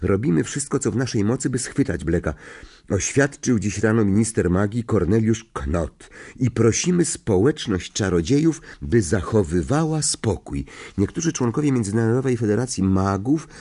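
A man narrating a novel as an audiobook in an expressive, dramatic reading. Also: lowish voice, moderate pace, breathy edge. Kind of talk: scripted narration.

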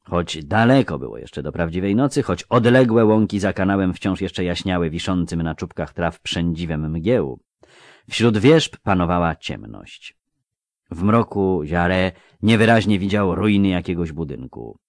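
A man narrating an audiobook in an expressive, measured reading. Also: deep voice, dry recording, studio quality.

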